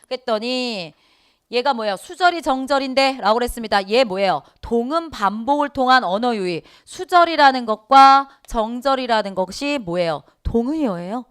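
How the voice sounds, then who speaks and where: A middle-aged woman teaching a Korean exam prep lecture, lively, asking the class questions and answering them herself. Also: on the high side, normal speed, clear, resonant tone. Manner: acts out quoted dialogue in voices. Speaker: Korean language exam instructor. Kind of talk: online lecture.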